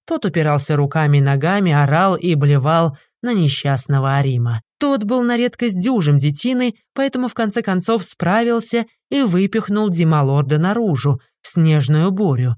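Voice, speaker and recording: A woman narrating an audiobook in a lively, mocking manner. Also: lowish voice, normal speed, hardly any pauses, no room sound.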